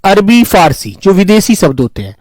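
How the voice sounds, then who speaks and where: A man's voice: sits high, very animated, moderate pace, darkish tone, no echo, low-quality recording. A man teaching grammar in an online class, fondly calling his students children, repeating each term and answering viewers' comments.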